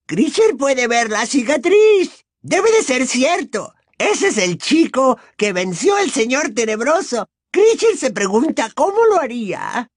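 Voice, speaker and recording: A man's voice: extremely high pitch, sing-song, a little slow, hardly any pauses, dry recording, clean studio sound, voice pushed up, full character voice. A man voicing a bitter, servile old male house-elf who mutters spitefully under his breath in an audiobook. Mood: muttering, spiteful. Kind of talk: audiobook character voice.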